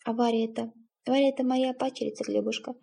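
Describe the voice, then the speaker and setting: A woman reading the part of a middle-aged stepmother who speaks in a halting, tearful, self-reproaching way. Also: on the high side, fairly even intonation, vocal fry, warm tone, slightly rough, full character voice. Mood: guilty, tearful.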